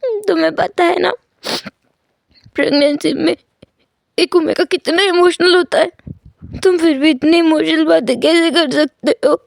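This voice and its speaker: A woman voicing an emotional, pouty pregnant young man who talks in a higher, whiny, teary way, in a read-aloud story. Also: normal speed, gravelly, no echo, clean studio sound.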